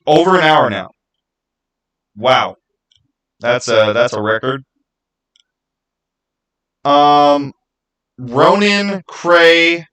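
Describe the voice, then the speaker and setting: On a live stream, a man with a fairly high, smooth, slightly bright voice chats casually with viewers while arguing game theories. He speaks very slowly with long pauses, pressing his points insistently and repeating phrases often.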